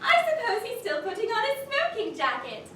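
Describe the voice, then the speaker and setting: A woman's voice: very high voice, big pitch swings, a little fast, a bit bright, a little hiss or hum, exaggerated voice. A woman playing a gushing theatrical leading lady on stage, overacted, recorded from far off in an echoey theater. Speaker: stage actor.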